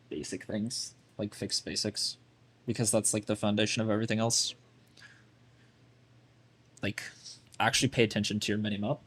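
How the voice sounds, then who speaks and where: His voice is on the low side, a bit bright, with a breathy edge. The man, a game coach, walks a player through their gameplay in a blunt, chatty, casual way, constantly using "like" as filler.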